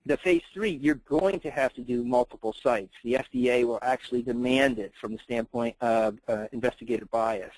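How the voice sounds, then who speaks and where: A man of middle pitch explains trial rules in a live webinar Q&A, stopping often to restart his sentences with "um" and "uh." The sound is dry and close, with no room echo at all. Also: moderate pace, hardly any pauses, a little mellow. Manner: hesitant, many fillers and restarts. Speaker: clinical trial expert answering questions.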